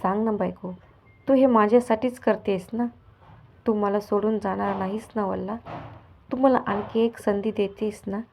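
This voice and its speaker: A woman's voice: mid-range voice, fairly even intonation, moderate pace, creaky, dark tone, slight background noise, close to an everyday voice. A woman voicing a lovestruck rich businessman husband who coaxes and pleads with his wife, as a storybook reading. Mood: pleading. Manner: coaxing, pleading, affectionate.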